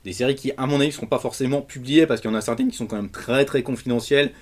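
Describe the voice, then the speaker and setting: A man's voice: mid-range voice, fairly even intonation, rapid-fire. A man reviewing comics in a casual, colloquial and emphatic way, talking straight to his viewers as the channel's host. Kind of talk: casual enthusiastic video review.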